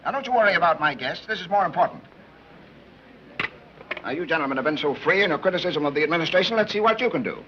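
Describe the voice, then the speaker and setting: An actor playing an indignant, blustering city mayor who gives brisk orders. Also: male voice, a little high, lively intonation, fairly bright tone. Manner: brisk, commanding. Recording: dull old 1930s film soundtrack, faint hiss.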